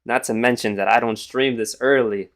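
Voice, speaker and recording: A man's voice: mid-range voice, fairly even intonation, normal speed. A tired young man with a morning voice, thinking aloud as he streams chess and trails off into mumbles. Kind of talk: casual live-stream commentary.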